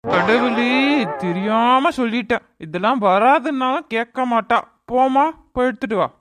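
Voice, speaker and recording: A performer voicing a patient, soft-hearted village husband in a cartoon, with a Kanyakumari Tamil accent, speaking in a placating, gentle way. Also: medium pitch, normal speed, close to an everyday voice.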